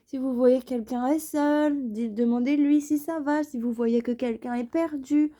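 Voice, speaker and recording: A woman's voice: high voice, moderate pace, dark tone. A woman giving a casual astrology and tarot reading, chatty and playful, often repeating her phrases. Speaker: tarot reader.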